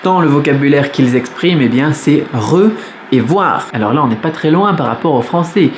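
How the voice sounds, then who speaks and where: A man teaching a beginners' Mandarin lesson in French, patient and clear, repeating each sound slowly. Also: fairly high pitch, animated, a little hiss or hum. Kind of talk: video lesson.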